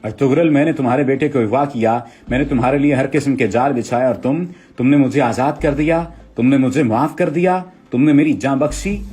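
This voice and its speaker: A remorseful enemy commander pleads with urgency, his voice husky and slightly breathy, as a man reads his part. He repeats his words as if unable to let go, in a dramatic reading of dialogue at an ordinary pitch. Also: darkish tone, close to an everyday voice.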